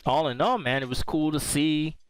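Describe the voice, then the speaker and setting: A man's voice: fairly high pitch, normal speed, smooth, dry recording, faint music behind. A young man hosting a podcast, chatting casually about shows in a rambling, easygoing way. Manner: rambling, easygoing, often restarts his sentences. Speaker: podcast host. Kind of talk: casual pop-culture review chat.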